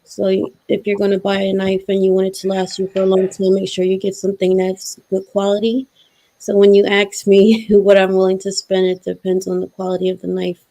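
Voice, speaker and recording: A woman's voice: medium pitch, monotone, fairly quick, dark tone. A woman in a casual chat, giving practical, matter-of-fact advice.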